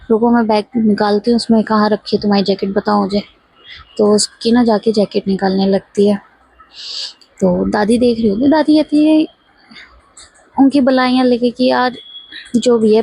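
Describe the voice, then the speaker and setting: A woman casually narrating a story in a relaxed, chatty way, acting out the lines of the people in it. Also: mid-range voice, creaky, husky, dry recording, low-quality recording. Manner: relaxed retelling with quoted dialogue.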